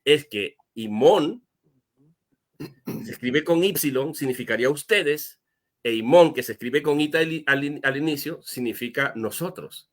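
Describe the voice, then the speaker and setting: A man's voice: fairly high pitch, expressive, a little slow. Earnest man explaining Bible teaching. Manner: earnest, explaining step by step with frequent fillers and restarts. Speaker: pastor; guest answering viewer questions.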